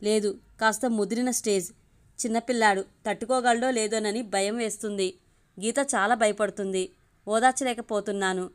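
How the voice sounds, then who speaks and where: A woman's voice: medium pitch, steady tone, moderate pace, lightly acted. A woman voicing a young father who is shaken and guilt-ridden, speaking in a trembling, tearful way in a storybook reading. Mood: anguished.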